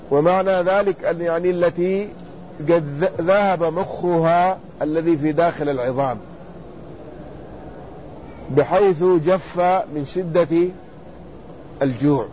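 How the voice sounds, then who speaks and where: Slow, deliberate male lecturer, lo-fi recording. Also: fairly high pitch, warm tone, slight background noise. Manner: reads a passage, then explains it slowly and deliberately. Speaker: teacher of hadith sciences. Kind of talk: classical text lecture.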